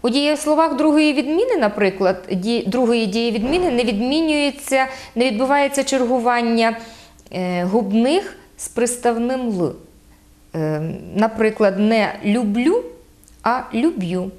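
A woman with a Podillia Ukrainian accent explaining local dialect forms, hesitating with frequent fillers and spelling out sounds slowly. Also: a little high, animated, a little mellow.

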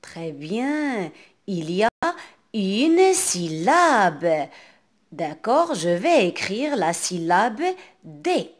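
A woman with a North African French accent, teaching a reading lesson to young children and sounding out words clearly. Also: medium pitch, very animated. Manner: slow, carefully enunciated, repeating words for children.

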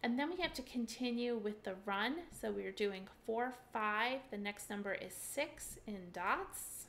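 In a medium-pitched, creaky, slightly bright voice, a middle-aged woman teaches mahjong via webcam, walking through each step of a screen-share tutorial. She's animated and unhurried, chatty and upbeat, with lots of ums. Slight background noise is present.

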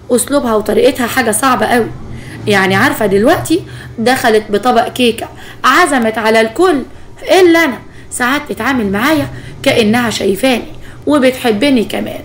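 A woman voicing a gentle young bride with an Egyptian Arabic accent who complains earnestly, in a spoken story. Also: on the high side, a little hiss or hum, natural voice.

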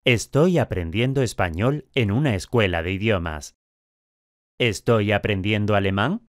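A language course speaker with a lowish voice asks simple drill questions and says short sentences, articulating every word clearly and a little slowly. His delivery stays even and scripted, recorded close and dry with no room sound or echo.

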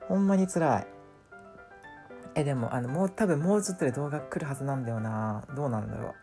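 A man's voice: medium pitch, fast talker, music in the background. A man with a records a casual voice-over for his vlog, complaining in an exasperated, whiny way. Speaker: vlogger.

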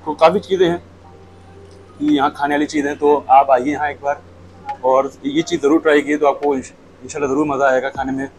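A man's voice: on the high side, fast, slight background noise, poor audio. A man in his thirties with a Lucknow accent, chatting casually to the camera as he tastes dishes at a restaurant table, on a lapel mic. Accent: Lucknow Hindustani. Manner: relaxed, chatty, describes each dish while eating. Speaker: food vlogger. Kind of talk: casual food review to camera.

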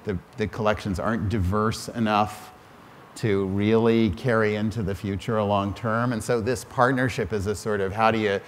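A man's voice: lowish voice, steady tone, moderate pace. A middle-aged man speaking on a panel before an audience, thoughtful, often restarting his phrases. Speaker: museum director on a panel. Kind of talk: panel discussion. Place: large hall on a stage before an audience. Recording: hall reverb with faint noise.

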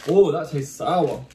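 A young man with a lively, bouncing voice that sits a little high, joking and cursing his way through a casual home vlog. He sounds excitable. The recording is roomy and echoey, with a faint hiss behind him. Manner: excitable, joking, swears and exclaims. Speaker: vlogger. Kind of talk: casual candy-tasting vlog. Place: his bedroom.

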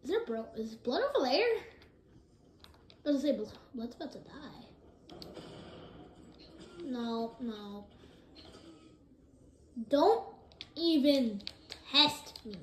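High, lively woman gaming commentator. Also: a little slow, pauses often. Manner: excitable, jumping between hype and mumbling. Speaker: gaming video creator. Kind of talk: live gameplay commentary. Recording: roomy echo with faint noise.

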